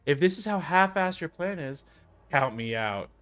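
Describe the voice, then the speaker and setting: A cold, haughty old man from a video game, voiced by a man talks down to everyone. The voice sits raised in pitch and sounds imperious. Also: lively intonation, moderate pace, a bit bright. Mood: scornful, sceptical. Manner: condescending, imperious. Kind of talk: video game character dialogue read aloud.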